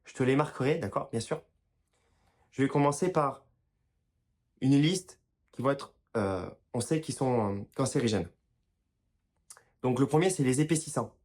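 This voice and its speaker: Talking to camera in a medium-pitched, slightly mellow voice, a man shares casual health advice with his viewers in an informal, direct way. A wellness creator, he often restarts his sentences and apologizes for his own pronunciation.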